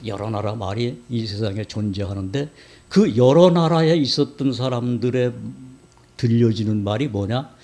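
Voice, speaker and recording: A man preaching from the pulpit of a church sanctuary, his voice sitting at an ordinary middle pitch. He keeps the sermon conversational and often stops to ask the congregation questions. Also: darkish tone.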